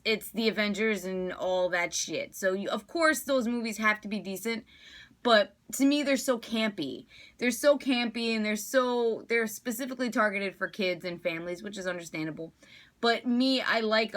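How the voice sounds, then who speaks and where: A woman talks through a movie review in a loose, chatty way, with plenty of fillers and an eager tone. Her voice is bright and forward, and her pitch sits at an ordinary height. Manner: enthusiastic, chatty, filler-heavy. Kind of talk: casual spoken movie review.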